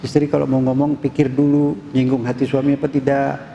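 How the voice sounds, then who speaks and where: Gravelly preacher in an echoey mosque. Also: male voice, medium pitch, completely flat delivery, a little fast, mellow, highs cut off. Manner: asks the audience questions, repeats key words. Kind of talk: casual mosque sermon. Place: mosque hall. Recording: echoey mosque hall, faint noise.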